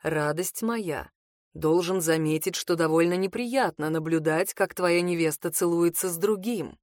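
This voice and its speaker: A sardonic, commanding male mage from an audiobook, as a female reader puts him on. He speaks low and slow, with dry mockery. The recording is dry and close. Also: darkish tone, no room sound, close to an everyday voice. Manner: slow, lowered, dryly mocking.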